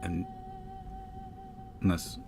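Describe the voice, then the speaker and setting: A man narrating an improvised tabletop game as game master, with halting, deliberate storytelling. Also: over music.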